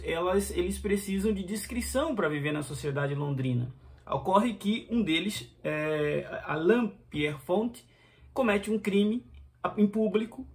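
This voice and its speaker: Gravelly Brazilian man reviewing comics. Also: high-pitched. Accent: Brazilian Portuguese. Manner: conversational, frequent fillers and restarts. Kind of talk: casual video review.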